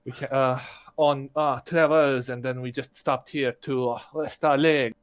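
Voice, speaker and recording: A man plays his character in a tabletop game, picking his words slowly. He stays polite and diplomatic, and his speech is broken up by uhs. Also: mid-range voice, fairly even intonation. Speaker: player. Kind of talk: in-character tabletop role-play.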